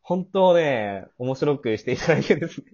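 Talking things through as producer, a man hosts a casual backstage chat for his audio drama in a chatty, explanatory manner. His fairly high voice is expressive, a little mellow, and moderately paced; the voice call sounds slightly muffled and lo-fi.

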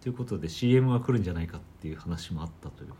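A man co-hosting a casual podcast chat, calmly explaining and sounding out word accents. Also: deep voice, rapid-fire, a little hiss or hum. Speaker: podcast co-host.

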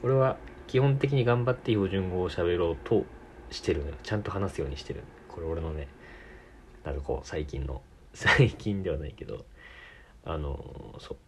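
Speaking in a low, expressive voice at normal speed, a Tokyo man with a Tokyo Japanese accent hosts his own podcast. A little hiss or hum sits in the background. He rambles casually on his own, often correcting himself and laughing.

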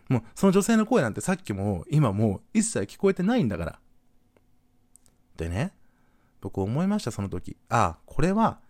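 A man from Gunma hosting a podcast, telling a story in a casual, animated way and acting out the voices of the people in it. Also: mid-range voice, no echo, clean studio sound. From Gunma, Japan. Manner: animated, acts out quoted voices. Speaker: podcast host.

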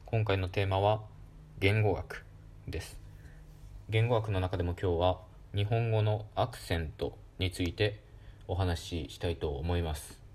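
Calm deep-voiced man explaining linguistics. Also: a little slow. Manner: calm, explanatory, with frequent fillers. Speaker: podcast host. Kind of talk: solo educational talk.

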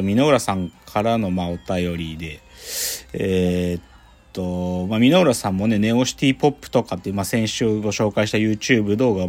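A man hosting a radio show in casual chat, rambling and colloquial with plenty of fillers. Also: fairly low pitch. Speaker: radio host.

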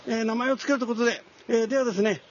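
A man's voice: very high-pitched, very fast, muffled recording. A man playing a frantic, flustered typhoon reporter in a comedy skit, delivering a breathless live report and repeating himself. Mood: earnest, flustered.

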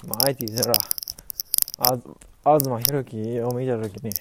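Man, mid-twenties, blackout drunk solo podcaster. Halting, repetitive rambling at medium pitch, very noisy audio. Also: steady tone. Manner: halting drunken rambling, repeating and restarting words. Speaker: podcast host. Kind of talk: casual solo podcast monologue. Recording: clearly noisy recording with clicks.

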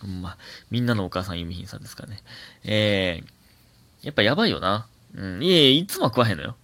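Gravelly, lively Kansai-accented man. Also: on the low side, fast. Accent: Kansai Japanese. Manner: chatty, animated, rambling musings with laughs and self-corrections. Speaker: podcast host. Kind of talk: solo casual radio talk, reading listener mail.

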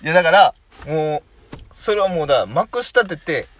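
A man's voice: a little high, animated, a little fast. A young man in his twenties with a Kansai accent, co-hosting a comedy talk show and reading out listener letters in a playful, teasing way. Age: 20s. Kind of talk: casual comedic banter.

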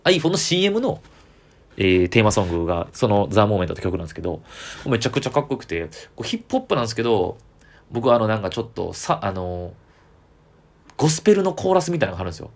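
A man's voice: lowish voice, very animated, racing, gravelly. A man with a Kansai accent, chatting on his own as a comedian podcaster, rambling with easy enthusiasm. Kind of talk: solo casual chat.

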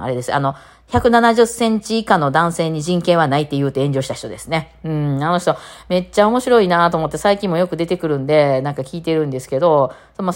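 A woman with a Kansai accent hosting a casual solo podcast chat, telling stories with chatty, lively asides. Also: low-pitched. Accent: Kansai Japanese. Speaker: podcast host.

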